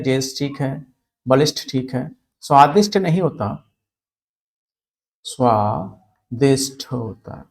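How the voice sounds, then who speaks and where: A man teaching a spelling lesson, asking questions and answering them himself, repeating key words slowly. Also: mid-range voice, creaky. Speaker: Hindi grammar teacher.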